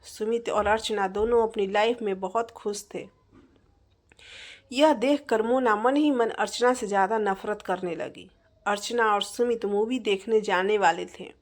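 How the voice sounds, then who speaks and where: A woman storyteller narrating a scripted family drama in a steady, expressive way. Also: medium pitch, unhurried.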